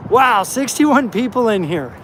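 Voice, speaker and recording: A man's voice: very high voice, big pitch swings, unhurried. A man hosting a casual live stream, talking to his chat in an upbeat way while walking outdoors with a handheld phone. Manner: upbeat, talks straight to chat. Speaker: livestream host. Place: outdoors at a truck stop parking lot. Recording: phone audio with loud outdoor noise. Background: vehicle and outdoor noise.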